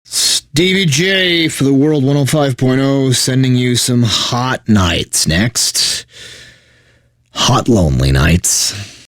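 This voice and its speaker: A medium-pitched man plays a weary, sardonic video game radio DJ, a corporate burnout who mixes exaggerated announcer patter with exasperated, sarcastic asides. He's animated but takes it slowly, with a fairly bright tone. There's no echo, just clean studio sound.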